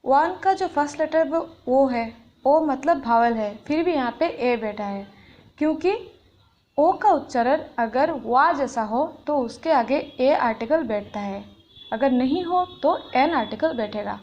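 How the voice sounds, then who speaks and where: A woman teaching an English grammar lesson, explaining patiently and reading English example sentences slowly. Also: sits high, animated, a little mellow, highs cut off.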